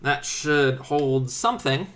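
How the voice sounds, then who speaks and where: A calm, dryly polite angel, voiced by a man at a tabletop game. He speaks in a bright, unhurried tone. The delivery stays understated. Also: mid-range voice.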